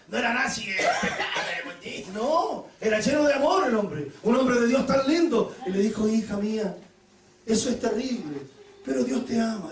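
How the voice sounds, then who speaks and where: A Chilean man preaching a Pentecostal sermon, telling stories with laughter and sudden shouted praises. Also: very high-pitched, distant mic. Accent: Chilean Spanish. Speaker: pastor. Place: church hall. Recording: echoey church hall, mic from afar.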